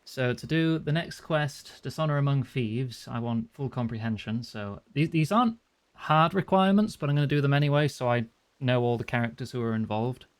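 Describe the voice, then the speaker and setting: A man's voice: mid-range voice, brisk, clean tone. A man doing casual, informal video game commentary, thinking aloud as he plays. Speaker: gamer narrating a playthrough.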